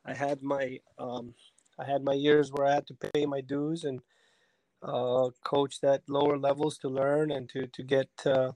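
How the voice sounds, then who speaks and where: A man in his forties from Albania, a soccer technical director, telling his story in a relaxed interview with plenty of ums and restarts. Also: mid-range voice, a little slow, dry recording, poor audio. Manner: hesitant, many ums and restarts. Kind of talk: casual interview talk.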